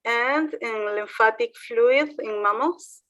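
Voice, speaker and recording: A woman presenter giving a live interpreter voice over a video, translating from on the fly with halting, restarted phrases. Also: on the high side, a bit bright. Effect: live interpreter voice, translating a playing video on the fly. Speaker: workshop presenter.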